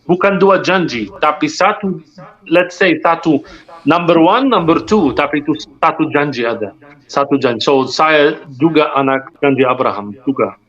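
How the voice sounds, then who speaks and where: Muffled, lo-fi audio captures an earnest man speaking as a guest in a conversational religious discussion. Fairly high-pitched, animated and a bit bright, he moves at a moderate pace, explaining things, posing rhetorical questions and slipping in English words.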